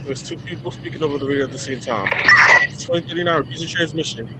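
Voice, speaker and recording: A man dispatches trains over a two-way radio. He talks quickly in a slightly high voice, and the transmission is buried in very loud noise.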